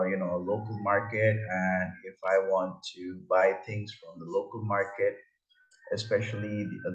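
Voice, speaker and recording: A man's voice: lowish voice, recorded from a distance. A man from India, a travel vlogger, talking hesitantly with many fillers over a slideshow, face not shown. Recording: roomy, dull lo-fi sound.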